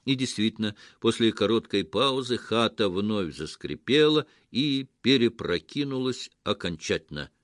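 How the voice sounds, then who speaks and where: A man narrating an audiobook story in a measured, even reading. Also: on the low side, no room sound, clean studio sound.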